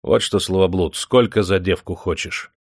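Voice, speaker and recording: A domineering, wrathful factory owner from an audiobook, as a male narrator puts him on, barking orders in a raised, forceful voice. He sounds booming and scornful, well above the reader's own low register, and the audio is dry and close. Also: moderate pace, slightly rough, no echo.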